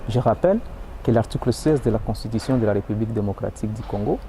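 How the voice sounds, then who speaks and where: A man speaks as a legal defender in a formal public statement, solemn and declarative. His voice is low and dark. Faint noise sits underneath. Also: fast talker.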